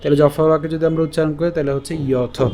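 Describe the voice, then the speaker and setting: Man teaching slow verse chanting. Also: fairly high pitch, level tone, a little mellow. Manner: slow syllable-by-syllable recitation of verses; explains pronunciation, then chants the verse. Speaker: Sanskrit recitation teacher. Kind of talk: online recitation lesson.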